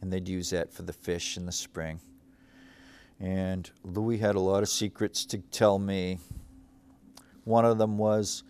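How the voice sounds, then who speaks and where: Seated at his studio desk with slight background noise behind him, this Cape Cod, Massachusetts host speaks in a low, darkish voice. The middle-aged man drifts through reflective local-history memories, stumbling over fillers and restarting often.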